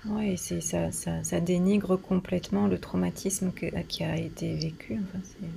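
A woman interviewer asking questions in a soft-spoken way, with noticeable noise in the recording. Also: fairly low pitch, fairly even intonation, normal speed, gravelly.

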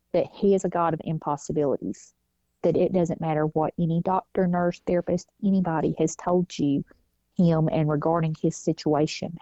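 A woman talks through a personal story in an easy interview, slipping into the voices of people she quotes. Her voice sits low and mellow. The recording is dull and lo-fi, with a dry, close sound. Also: dry recording. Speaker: guest, mother. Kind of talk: casual interview talk.

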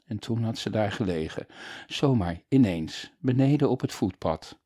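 A man reading a children's storybook aloud in an expressive way, moving between lively and hushed tones, close to the mic. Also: lowish voice, normal speed, husky, dry recording. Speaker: audiobook narrator.

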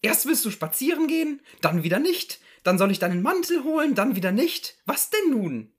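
A woman voicing a fussy, reproachful middle-aged housewife in a comedy sketch, speaking in a high, insistent, scolding voice. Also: very animated, moderate pace. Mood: nagging.

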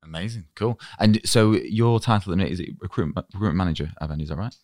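A man's voice: low voice, racing, darkish tone, dry recording. A man hosting a podcast, interviewing a guest in a conversational style. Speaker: podcast host.

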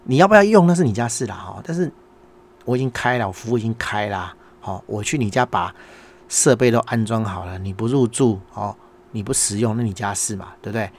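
A man's voice: fairly low pitch, fairly quick, a little mellow, a little hiss or hum. A middle-aged man with a Taiwanese Mandarin accent, hosting a casual monologue and telling an exasperated story while acting out the dialogue. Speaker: podcast host, small business owner.

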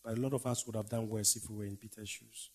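A man preaching a dramatic sermon, swinging from loud declaiming to hushed whispers in a slow, repetitive cadence. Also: fairly low pitch, flat delivery, breathy edge.

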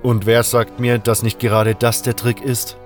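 A man's voice: mid-range voice, little pitch movement, moderate pace, faint music behind, natural voice. A man voicing a suspicious, stubborn male gate guard who questions a visitor sternly.

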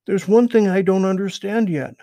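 A man's voice: sits high, normal speed, mellow, no room sound, voice pushed up. A man voicing Peter Rabbit, an eager and apologetic young male rabbit, in an earnest, pleading storybook reading. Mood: curious. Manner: earnest, pleading, wide-eyed.

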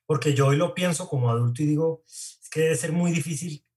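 A man's voice: a little high, brisk, darkish tone. Earnest man guest. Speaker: actor guest. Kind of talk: interview answers.

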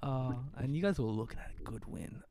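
A man's voice: mid-range voice, animated, brisk, creaky, mellow. A young man in casual chat, laid-back and teasing, with lots of fillers.

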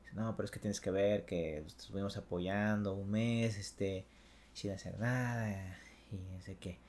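Young man, Mexican accent, casual storytelling, slangy, animated. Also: fairly low pitch, a little slow, a little hiss or hum. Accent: Mexican Spanish. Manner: slangy, animated, acts out voices in anecdotes.

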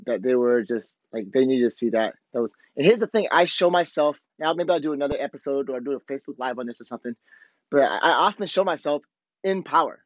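A hoarse man with a worn-out voice hosting a podcast, talking casually and candidly in a rambling, profanity-heavy motivational monologue. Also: medium pitch, expressive, fast talker. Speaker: podcast host. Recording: dull, lo-fi, roomy echo.

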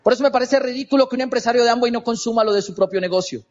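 A man's voice: very high voice, rapid-fire, in a large hall, highs cut off. A man giving a motivational business seminar talk, emphatic and repetitive, with rhetorical questions. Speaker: business speaker.

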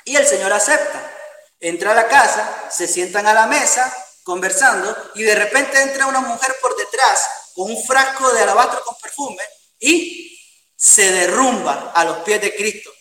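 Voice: medium pitch, normal speed, bright, forceful tone, far from the mic. A preacher delivering an earnest sermon to a congregation he calls beloved brothers and friends. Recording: roomy hall, voice from afar.

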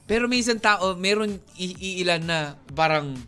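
A man's voice: high-pitched, lively intonation, moderate pace, sharp tone, smooth, soft background music. A young adult man co-hosting a morning radio show, chatting casually in a mix of Tagalog and English and laughing often. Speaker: radio DJ co-host. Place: radio studio. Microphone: studio mic.

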